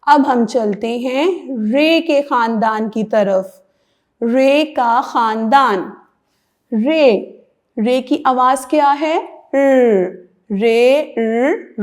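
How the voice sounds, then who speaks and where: Female teacher, Pakistani Urdu accent, slightly high voice, slow sing-song alphabet drills for young children. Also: a little mellow. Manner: slow, sing-song sounding out of letters and words; playful storytelling tone for young learners.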